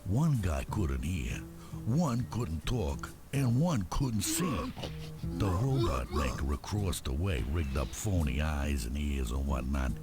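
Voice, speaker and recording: An actor playing a seedy, cynical tough-guy bowling alley boss in a cartoon game, gravelly, swaggering and sneering, full of slang. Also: very deep voice, big pitch swings, takes it slowly, heavily acted. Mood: sardonic, disdainful. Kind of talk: cartoon adventure game acting. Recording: loud music behind the voice.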